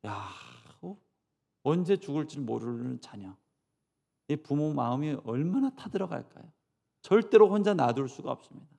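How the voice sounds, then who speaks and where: A middle-aged man delivers a sermon as senior pastor. His voice is gravelly and sits a bit high, and it rises and falls in wide, lively swings. He alternates loud, dramatic quotations with hushed asides and calls on the listeners to repeat after him. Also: normal speed.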